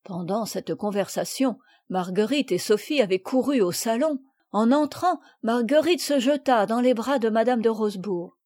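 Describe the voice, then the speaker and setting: A woman reading a classic children's novel aloud in a clear, measured storytelling manner. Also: fairly high pitch, a little mellow, no room sound, studio quality. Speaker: audiobook reader.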